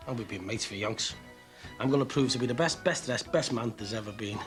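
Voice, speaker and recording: A man's voice: mid-range voice, fairly quick, fairly bright tone, faint music behind, close to an everyday voice. An actor playing a cheerful, cocky working-class man with a Liverpool accent, full of jokey banter. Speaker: best man. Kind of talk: TV soap acting.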